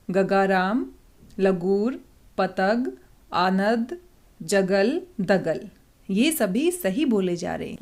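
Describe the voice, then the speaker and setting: A woman teaching a Hindi worksheet lesson to children, reading words slowly and carefully, asking questions and answering them herself. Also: fairly high pitch, darkish tone. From India. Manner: slow, careful reading aloud of words and passages; addresses pupils kindly, asking and answering own questions.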